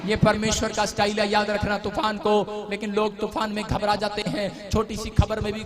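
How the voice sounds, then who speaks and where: A man with a North Indian accent preaching a charismatic sermon with jokes to a responding congregation, swinging from chatty joking to shouted declarations. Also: sits high, monotone, moderate pace, over music. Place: church service with responding congregation. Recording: live church hall with crowd responses.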